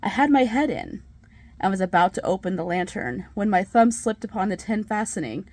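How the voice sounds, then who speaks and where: A woman's voice: medium pitch, lively intonation, moderate pace, darkish tone. Woman acting a hammy, theatrical crazed murderer. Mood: sly, tense. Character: crazed, nervous murderer confessing with gleeful, obsessive intensity. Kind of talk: dramatic reading of a gothic horror story.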